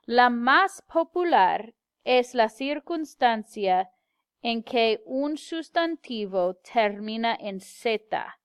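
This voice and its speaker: Slow, clear-spoken woman teacher. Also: fairly high pitch, lively intonation, dry recording, studio quality. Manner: slow, careful, clearly enunciated explanation with English glosses. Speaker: Spanish teacher. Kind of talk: slow classroom grammar lecture.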